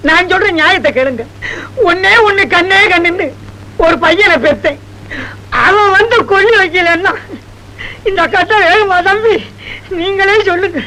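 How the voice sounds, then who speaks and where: A high-voiced grieving old father. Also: creaky, sharp tone, a little hiss or hum, exaggerated voice, low-quality recording. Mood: pleading. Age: older. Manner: rambling, tearful and pleading. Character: aging village father pining for runaway son. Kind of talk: Tamil film acting. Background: film score.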